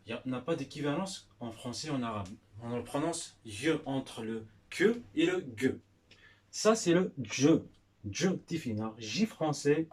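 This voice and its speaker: A man giving a language lesson, patiently naming and repeating each letter's sound. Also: medium pitch. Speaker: teacher. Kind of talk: slow spoken language lesson.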